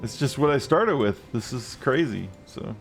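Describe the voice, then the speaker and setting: A man chatting casually on a game live stream, rambling and swearing freely, with excited outbursts. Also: medium pitch, normal speed, faint music behind.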